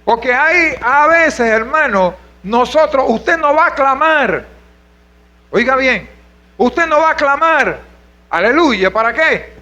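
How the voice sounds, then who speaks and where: A man's voice: very high-pitched, animated, slow, sharp tone, dull audio. A man from Venezuela preaching a sermon as pastor, asking rhetorical questions and calling out to the congregation. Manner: preaching with rhetorical questions, calls of hermano and aleluya.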